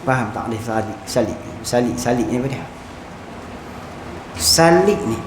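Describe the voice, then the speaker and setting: A male religious teacher with a Kedah Malay accent, giving an animated kitab lesson and acting out little dialogues. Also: a little slow. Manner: animated, acts out little dialogues, lively pitch swings. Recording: echoey room with faint ambient noise.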